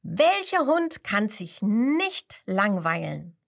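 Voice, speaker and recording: A woman puts on a cheeky puppet clown, high-pitched and boisterous, bouncing through his jokes in a children's storybook. His voice leaps up and down in lively swings. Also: slow, creaky, exaggerated voice. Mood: jolly. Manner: loud, high and bouncy, joking. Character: cheeky hand puppet clown Kasper, male, jolly joker.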